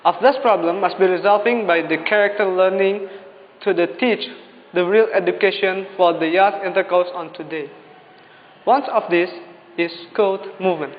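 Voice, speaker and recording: A man's voice: high-pitched, normal speed. A young man with an Indonesian accent delivers a memorized competition speech in a formal, declamatory, exhortative manner. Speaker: speech contestant. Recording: dull lo-fi, echoing hall, faint noise.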